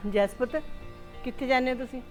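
An actress playing a caring mother-in-law who gently soothes her daughter-in-law in a village family drama. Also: high voice, steady tone, fast talker, faint music behind, natural voice.

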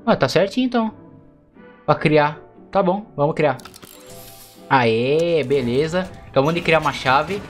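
A man from Brazil giving excitable, chatty let's play commentary to his viewers. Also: fairly high pitch, unhurried, pauses often, soft background music. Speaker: gaming YouTuber.

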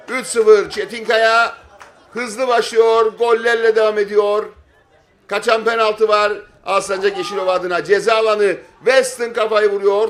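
A man giving excited football play-by-play in clipped short phrases, shouting and stretching out his calls at big moments. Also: high voice. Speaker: football match commentator. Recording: stadium crowd noise behind voice. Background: football crowd.

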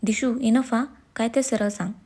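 Excitable young husband from a storybook, read by a woman, firing off raised, hurried questions in a mellow voice. He is quick-tempered and teasing. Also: fairly high pitch. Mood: irritated. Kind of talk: storybook character reading.

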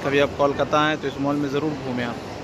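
Talking quickly in a medium-pitched voice with little pitch movement, a young man films a casual walking vlog, phone at arm's length. He keeps saying "ye dekhiye" while showing viewers a big indoor mall before heading out to the street and onto a metro. Loud mall and traffic noise sits behind him.

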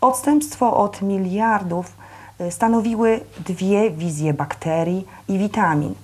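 A woman reading a novel aloud at a public reading, measured and breathy, dropping to soft asides. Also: mid-range voice.

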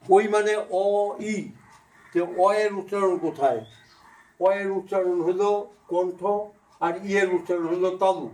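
A man's voice: high voice, unhurried, darkish tone. A man with a Bangladeshi Bengali accent teaching a grammar class, explaining patiently and repeating each vowel sound aloud to demonstrate it. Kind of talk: classroom lecture. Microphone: phone camera from across the room. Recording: echoey room, voice from far off.

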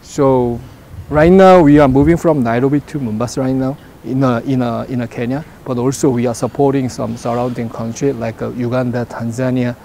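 Man with a mellow voice and halting English. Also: medium pitch, fairly even intonation, creaky, a little hiss or hum. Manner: halting non-native English with many fillers. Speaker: product manager interviewee. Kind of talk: interview answers. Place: outdoors in front of a branded backdrop. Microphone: lapel mic.

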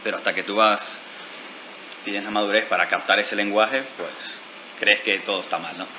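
Speaking into a handheld mic inside a lounge bar, this guest artist from Venezuela is being interviewed and answers thoughtfully, often restarting hesitantly. His lowish voice moves at a moderate pace with fairly even intonation, and background noise can be heard.

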